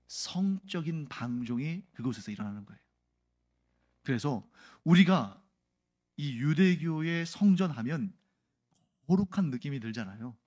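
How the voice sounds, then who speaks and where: A male pastor giving an explanatory Sunday sermon, often putting questions to the congregation. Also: fairly high pitch.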